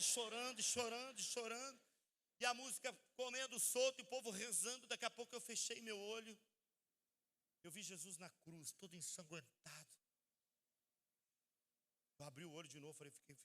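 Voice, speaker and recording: A man with a Brazilian Portuguese accent preaching a testimony sermon, swinging between hushed, intense passages and near shouts. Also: sits high. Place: large hall at a church event. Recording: live hall with long reverb.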